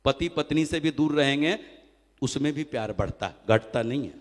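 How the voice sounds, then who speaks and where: A man's voice: mid-range voice, normal speed. A man giving a motivational seminar talk as a trainer, firing off rhetorical questions and answering them himself. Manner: animated, acts out quoted people. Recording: long hall reverb.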